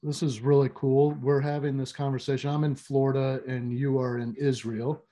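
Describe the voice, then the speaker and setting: A man's voice: mid-range voice, level tone, dark tone. A man hosting a podcast interview, speaking with frequent fillers and restarts. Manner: halting, many fillers and restarts. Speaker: podcast host.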